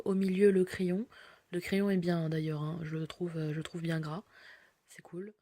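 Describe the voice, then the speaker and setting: A woman's voice: fairly low pitch, mellow. A woman vlogger casually walking through a haul of products and their prices, chatty with frequent fillers. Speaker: beauty vlogger.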